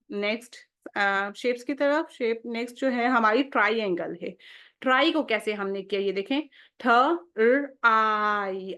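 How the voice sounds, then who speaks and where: A young woman teaching phonics for home-schooling, sounding out letters slowly and patiently and checking in often with "okay?". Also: a little high.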